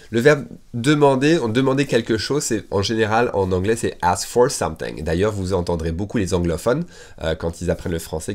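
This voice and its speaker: A man teaching an English lesson on video. He says English phrases slowly and repeats them, then explains in French with lively jumps in pitch. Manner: lively, with sudden rises in pitch and loudness.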